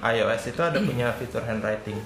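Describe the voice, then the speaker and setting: A man explaining things in relaxed, slangy casual chat. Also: medium pitch, fast talker. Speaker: guest demonstrating a screen reader. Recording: echoey room with faint noise.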